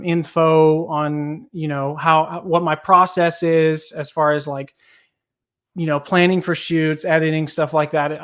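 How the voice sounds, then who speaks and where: A man talks casually as a guest presenter. His voice sits slightly high. He keeps a laid-back pace, filling gaps with ums and likes. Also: clear, resonant tone. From Kentucky, US. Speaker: guest photographer.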